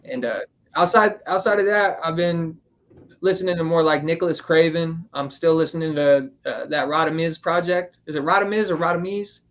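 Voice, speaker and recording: Male host, Northern Californian, casual rambling talk, slightly raised pitch, dull lo-fi sound. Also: fairly even intonation, normal speed. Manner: loose, rambling, filler-heavy. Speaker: podcast host. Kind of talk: casual roundtable chat.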